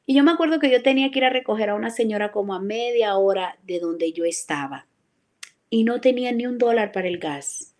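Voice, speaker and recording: A woman's voice: on the high side, lively intonation, a little fast, darkish tone. A woman giving a live religious testimony, speaking earnestly and emotionally. She often addresses the listener as "brother" and restarts phrases as she recalls events. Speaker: church member giving a testimony.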